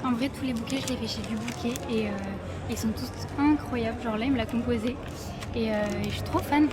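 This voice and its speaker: A woman's voice: on the high side, steady tone, a little fast, very noisy. A young woman chatting casually to her camera in a vlog, with many fillers and repeated words. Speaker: vlogger. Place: out and about in town, café terrace.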